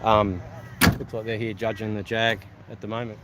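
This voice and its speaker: A man's voice: fairly low pitch, level tone, normal speed, background noise. A man with an Australian accent, live-streaming casual chat to viewers at an outdoor car show, rambling with lots of ums and restarts.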